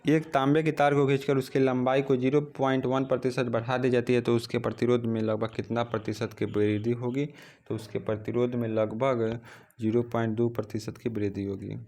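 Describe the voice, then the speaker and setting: At a moderate pace and medium pitch, a man drills exam practice questions, reading each one and then its answer in a steady rhythm. It was recorded on a phone.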